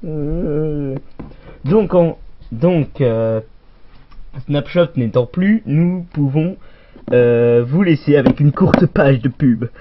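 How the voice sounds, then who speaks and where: A man's voice: on the high side, slow pace, a little hiss or hum. A man hosting a comedic toy-figure show as a goofy mock presenter, jokey and brusque. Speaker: host. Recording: muffled lo-fi recording.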